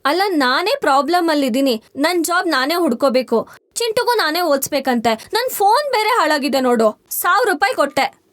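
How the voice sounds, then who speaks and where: A woman's voice: high-pitched, animated, a bit bright. An actress playing a young woman who first brushes off a tearful suitor and then fusses over him, in a web series drama. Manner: brisk, scolding then mothering. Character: caring but dismissive young woman.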